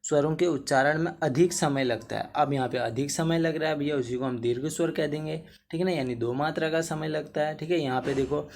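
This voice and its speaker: Fairly quick and gravelly, with hardly any pauses, a somewhat high and slightly mellow male voice teaches exam-prep Hindi grammar over a faint hiss or hum. He stretches vowels to show length, addresses the students as bhaiya, and keeps saying "theek hai na."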